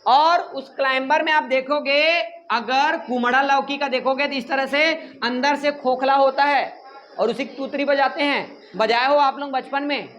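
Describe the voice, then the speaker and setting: A male teacher, giving a classroom lecture in an animated, joking way and scolding students. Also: very high-pitched, moderate pace, dull audio.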